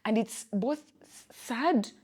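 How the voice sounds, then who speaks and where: A woman's voice: fairly high pitch, slow pace, breathy edge. A woman around thirty with a Ugandan English accent, co-hosting a casual chat podcast and talking reflectively about her feelings. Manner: reflective, animated storytelling with quoted inner thoughts. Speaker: podcast co-host.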